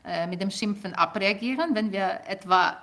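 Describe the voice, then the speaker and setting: A middle-aged woman whose native language is Ukrainian answers interview questions as a linguist guest. Her voice is mid-range and slightly bright, and she explains things in a measured way, often using fillers.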